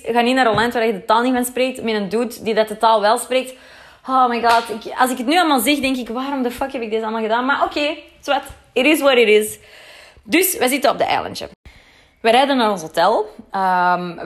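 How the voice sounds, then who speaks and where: A young Flemish woman tells a story straight to her audience in a loose, talkative storytime manner. Her voice sits a little high for a woman, and she drops casual curses along the way. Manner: chatty, swears freely, lively retelling. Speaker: vlogger.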